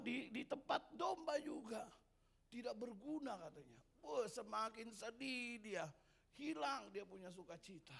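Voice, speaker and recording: Pastor guy telling a story in a sermon, husky gravelly voice, kinda high. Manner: animated storytelling.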